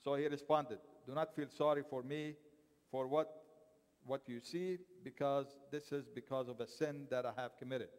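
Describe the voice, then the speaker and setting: A man's voice: mid-range voice, fairly even intonation, moderate pace, darkish tone, smooth. Man reading a sermon in a reverberant mosque. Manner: reads aloud from paper, with restarts and self-corrections. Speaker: sermon translator. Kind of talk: reading a translated Friday sermon. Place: large mosque prayer hall, indoors. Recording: long hall reverb in a mosque.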